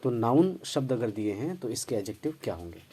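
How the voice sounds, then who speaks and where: A man's voice: medium pitch, very animated, fairly quick, warm tone, husky. A man teaching grammar, explaining patiently and spelling out words letter by letter, with pronunciation. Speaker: English teacher. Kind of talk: Hindi-language grammar lesson with English terms.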